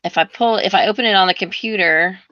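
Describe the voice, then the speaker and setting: A chatty, upbeat woman hosts a casual live-stream chat, her voice coming through a phone. The sound is muffled and dull, with no room around it at all. She is mid-pitched for a woman and often restarts her sentences. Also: fast talker, sharp tone, dry recording. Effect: heard over a phone. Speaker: host. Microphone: phone mic. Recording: dull, dry phone audio.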